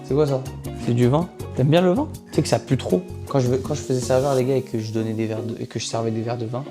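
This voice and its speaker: A man's voice: mid-range voice, fairly even intonation, quick pace. A young man chatting casually as a vlogger, teasing and repeating himself in street slang. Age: young adult. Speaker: vlogger, amateur athlete and coach. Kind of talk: casual vlog chat. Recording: music behind the voice. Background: music.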